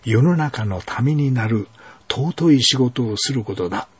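A man's voice: mid-range voice, animated, measured pace, husky. A man voicing a solemn divine voice that speaks to a girl, in a spoken story.

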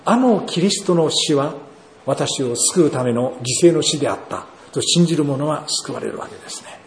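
Male pastor, sermon delivery, lively pitch movement, faint room ambience. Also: slight background noise. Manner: measured preaching, rhetorical questions. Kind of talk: sermon with scripture reading. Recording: roomy echo, faint ambience.

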